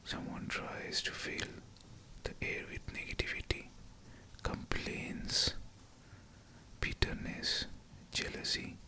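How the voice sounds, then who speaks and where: Slow whispered pep talk from a man. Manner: whispering throughout, slow and deliberate with short phrases. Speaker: guided affirmation narrator.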